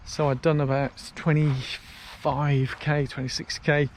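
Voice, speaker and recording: A British vlogger with a slightly high voice walks along a canal path, chatting and telling stories for a casual walk-and-talk video. He keeps a level tone and takes it slowly. Faint outdoor ambience and traffic noise can be heard behind him.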